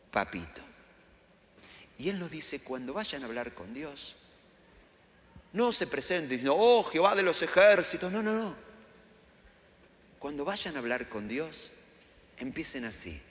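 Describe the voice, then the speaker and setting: A man's voice: mid-range voice, a bit bright. A middle-aged man with a Rioplatense Spanish accent preaching a sermon in a church, acting out quotes with sudden raised voices. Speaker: pastor. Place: church hall. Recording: echoey church hall, faint ambience.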